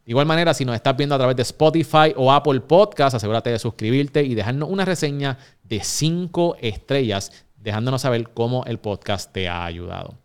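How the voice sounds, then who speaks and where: A man's voice: mid-range voice, a little fast, clean tone. A man hosting a podcast from a recording studio, upbeat and speaking straight to his listeners. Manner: upbeat, direct address to listeners. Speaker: podcast host. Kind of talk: energetic podcast hosting with promotional reads.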